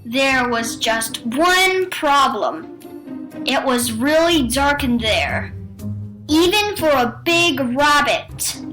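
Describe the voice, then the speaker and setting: A woman reading a spooky children's picture book aloud in a theatrical, suspenseful way with deliberate pauses. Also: sits high, animated, bright, forceful tone, soft background music, rough recording. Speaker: children's storybook reader.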